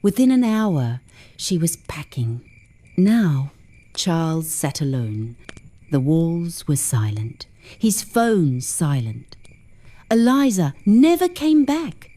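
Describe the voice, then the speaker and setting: Woman reading a story, gentle and reflective, low voice with lots of melody. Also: very animated, takes it slowly. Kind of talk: scripted narration.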